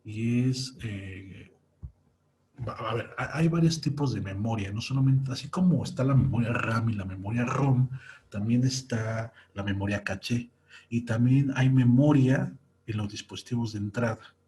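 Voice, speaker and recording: Patient man with a mellow voice teaching code. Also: mid-range voice, normal speed. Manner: patient, walks through each step aloud. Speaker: programming teacher. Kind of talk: screen-recorded coding tutorial.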